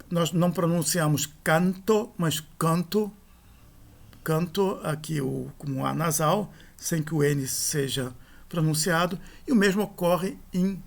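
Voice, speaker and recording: A middle-aged man delivers a recorded grammar lecture in a somewhat high voice. He explains step by step and often corrects himself mid-sentence. Short tag questions keep checking that the listener is following. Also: creaky. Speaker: teacher.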